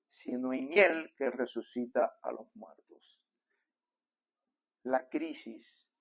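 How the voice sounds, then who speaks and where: A man with a Cuban accent preaching a sermon as a pastor, talking to the congregation in a conversational way and acting out the quotes. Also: medium pitch. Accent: Cuban Spanish. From Cuba. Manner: conversational preaching, acts out quotes softly then builds in volume. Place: church sanctuary.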